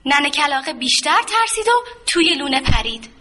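A woman narrating a children's folk tale in a gentle, expressive, sing-song way. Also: high voice. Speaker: storyteller.

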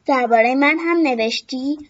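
A woman's voice: high-pitched, natural voice. A woman voicing a tiny, curious and blunt girl from a forest in a storybook reading. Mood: cheerful. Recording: dull lo-fi recording.

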